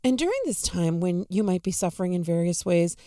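A woman giving an earnest, encouraging devotional reflection on a gospel reading, speaking softly to listeners at home. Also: lowish voice, expressive, brisk, dry recording, clean studio sound. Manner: earnest, encouraging, soft-spoken.

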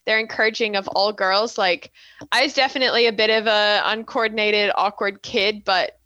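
A synchronized swimmer in her twenties, with an Australian accent tinged with Canadian, chats as a guest in a casual interview, giggly and using many fillers, laughing often between them. Her mid-range voice is pushed and bright with fairly even intonation at normal speed. The sound is lo-fi, with no room sound.

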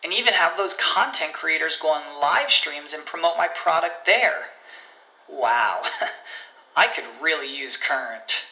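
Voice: mid-range voice, lively intonation, a little slow, bright, forceful tone, echoey room, low-quality recording. A person leaving a chatty, amused voicemail in a scripted ad. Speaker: ad voicemail caller. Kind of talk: scripted comic ad.

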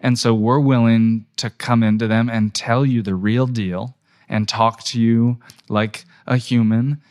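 A man speaking as a tour business guest in a podcast conversation, energetic and emphatic, often asking rhetorical questions. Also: mid-range voice.

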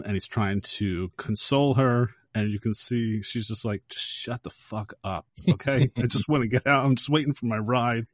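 A man's voice: on the low side, dry recording, studio quality. A man co-hosting a casual movie podcast, retelling a film scene with energy and acting out the characters' lines. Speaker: podcast co-host.

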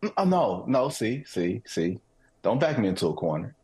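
A man from Detroit co-hosting a sports talk show, answering in a dry, guarded, deliberate way. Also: lowish voice, sing-song, a little mellow. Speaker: podcast co-host.

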